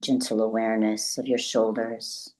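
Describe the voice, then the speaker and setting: A woman acts as the guide in a guided meditation, speaking gently and deliberately with long pauses in a soothing, instructive way. Her bass voice holds a level tone, and the recording is low in quality.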